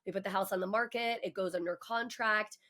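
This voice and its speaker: On a laid-back podcast, a woman in her forties who works in mortgages shares her personal story with candor, emphasis and passion. She has a mid-range voice, fairly even intonation, a brisk pace and a fairly bright tone.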